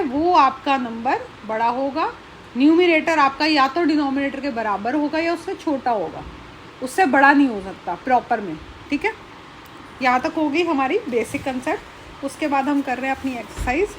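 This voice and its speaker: A woman's voice: sits high, a little hiss or hum, low-quality recording. A woman teaching a school math lesson, explaining patiently, checking in often and counting items aloud one by one.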